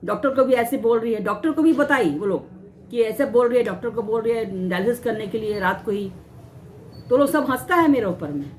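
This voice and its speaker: A woman vlogger telling a personal story to camera, aggrieved and halting, often repeating and restarting words. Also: fairly high pitch, a little mellow, a little hiss or hum. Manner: aggrieved, recounting mistreatment.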